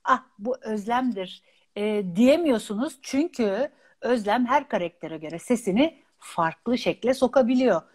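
A woman moderating a casual live talk stream, chatty and asking questions with quick interjections. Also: a little high, expressive, a little mellow, husky. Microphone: phone on a live video stream.

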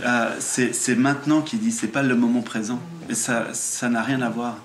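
A man's voice: medium pitch, fairly even intonation, moderate pace. An earnest man from France speaks with a French accent, leading a satsang talk on awakening. He often trips over and restarts his words as he explains. His voice sits in a roomy, echoing space with a faint hiss behind it. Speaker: spiritual teacher.

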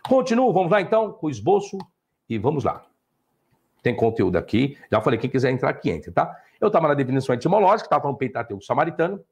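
A man's voice: on the high side, quick pace. A Brazilian man hosts a live stream lecture, his voice rising and falling a great deal as he explains. He talks to his viewers and guests in a teacherly way, tagging points with short checks. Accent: Brazilian Portuguese. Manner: lively, lecturing, frequent "tá?" tags.

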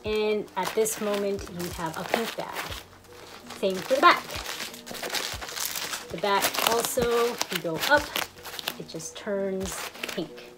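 A woman's voice: mid-range voice, background noise. A woman in her thirties chatting casually to camera as she presents an unboxing vlog. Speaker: unboxing vlogger. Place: small room indoors. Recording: music and crinkling packaging behind voice. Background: music, crinkling packaging.

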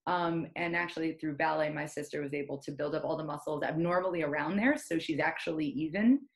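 A woman's voice: low-pitched, fairly quick, creaky. A woman hosting an interview, talking casually and gratefully about a practitioner who helped her family.

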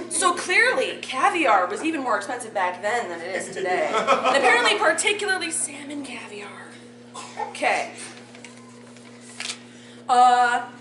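A Polish woman in her thirties, a bardic performer, reads from a sheet to an audience in a community meeting room, explaining a fake translation in a deadpan, mock-scholarly comedy bit. Her voice sits high. Captured by a far camera, the recording is echoey and distant with slight background noise.

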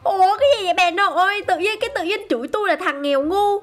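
A woman giving excited, chatty game commentary to her viewers. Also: extremely high pitch, fast, faint music behind. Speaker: gaming YouTuber.

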